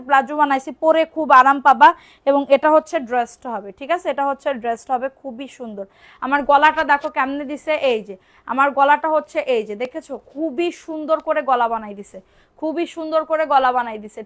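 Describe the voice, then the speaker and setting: A woman selling clothes on a live stream, repeating prices and urging viewers to order quickly, and sometimes scolding commenters. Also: high-pitched. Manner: brisk, repetitive, urging buyers to order fast. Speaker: online clothing seller. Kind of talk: live-stream sales pitch.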